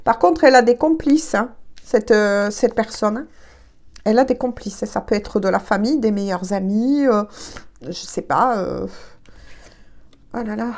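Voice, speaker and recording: A woman's voice: medium pitch, moderate pace, darkish tone. A woman giving a casual, chatty tarot reading, hesitant and congested from allergies. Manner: chatty, hesitant, peppered with "hein". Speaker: tarot card reader.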